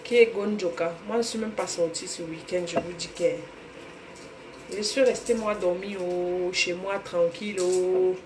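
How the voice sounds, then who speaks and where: A woman's voice: fairly low pitch, fairly even intonation, normal speed. A woman with a Cameroonian French accent hosting a live cooking stream, chatting casually and greeting viewers by name from her home kitchen. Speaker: cooking livestream host. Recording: roomy echo, faint room noise.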